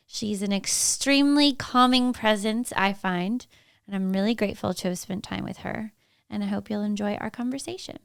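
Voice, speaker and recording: A woman's voice: medium pitch, moderate pace, vocal fry. Upbeat woman hosting a show. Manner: upbeat, enthusiastic. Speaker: podcast host. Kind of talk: interview host, casual chat.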